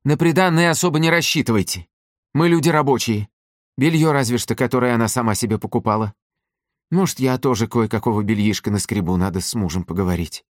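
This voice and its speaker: A man reading an audiobook, voicing a fierce old working-class mother who shouts and scolds. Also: fairly low pitch, big pitch swings, fairly quick, dry recording, clean studio sound, pitched above the performer's own voice. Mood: scolding.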